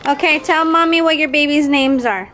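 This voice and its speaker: A woman's voice: sits high, moderate pace. A woman in her twenties chatting casually to her vlog camera, two days after having her wisdom teeth out. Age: 20s. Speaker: family vlogger and mother. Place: home kitchen, front yard and parked or moving car. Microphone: camera at arm's length. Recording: clear background noise, household and car hum.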